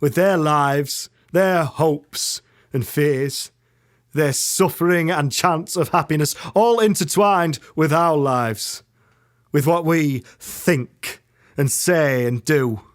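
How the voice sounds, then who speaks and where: A man playing a grave, stern inspector who delivers a slow, solemn warning in a dramatic monologue. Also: fairly high pitch, voice pushed up. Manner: slow, solemn, rising to forceful.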